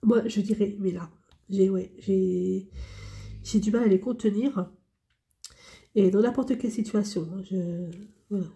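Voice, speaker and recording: A woman's voice: medium pitch, a little slow, pauses often, dark tone. A woman vlogger chatting candidly and rambling as she answers tag questions, often repeating herself. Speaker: hobby vlogger.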